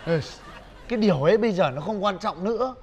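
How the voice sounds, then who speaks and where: A man playing a boastful young laborer who brags loudly. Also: sits high, lively intonation, fast, highs cut off, some chatter behind, slight background noise. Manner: bragging, bossy, loud. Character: boastful broke male laborer, young adult.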